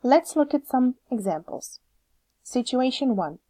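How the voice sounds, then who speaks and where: A woman with a Croatian accent, a teacher trainer giving measured, scripted narration that explains how to correct students. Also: sits high, expressive, dark tone. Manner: measured, explanatory, reads examples aloud.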